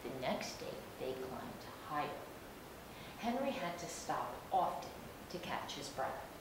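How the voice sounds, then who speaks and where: A middle-aged woman reading a picture book aloud to young children in an expressive, deliberate storytelling manner. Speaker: storybook reader. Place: indoor room, seated. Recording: roomy, distant microphone, rumbling background noise.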